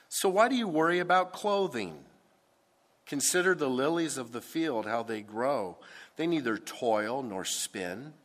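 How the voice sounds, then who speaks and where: A pastor preaching a sermon into a pulpit microphone, with a deliberate, emphatic delivery. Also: male voice, medium pitch, a bit bright. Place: church sanctuary. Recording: long church hall reverb.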